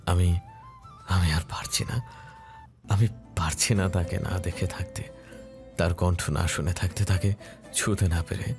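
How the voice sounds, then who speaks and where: A man's voice: low voice, steady tone, unhurried, pauses often, over music. A man voicing a young doctor husband in a romantic audio story, speaking tenderly. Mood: anguished. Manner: tender, then anguished and tearful.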